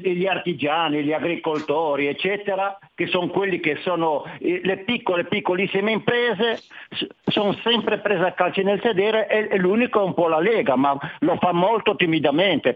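A man calling in to a radio talk show over the phone, talking hesitantly and stumbling over his words. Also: fairly high pitch. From Genoa, Italy. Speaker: caller. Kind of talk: radio call-in. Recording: tinny phone line.

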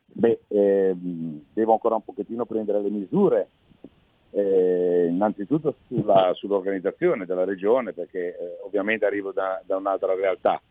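A man from Savona heard over a phone line, a newly elected regional councillor answering a live radio interview in a measured, halting way with frequent hesitations. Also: deep voice, dry recording. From Savona, Liguria. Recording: tinny, dry phone line.

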